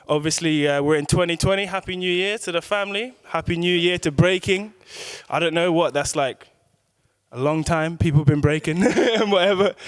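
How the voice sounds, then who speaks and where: Man, hyped joking host, slangy, slightly high voice, small studio. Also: a bit bright, smooth, dry recording. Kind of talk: casual hip-hop interview chat.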